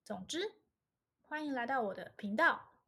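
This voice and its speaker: A woman's voice: sits high, lively intonation, normal speed, sharp tone, breathy edge. A young woman from Taiwan with a Taiwanese accent, a native Mandarin speaker, introducing her channel in a playful, scripted way. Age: young adult. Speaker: channel host.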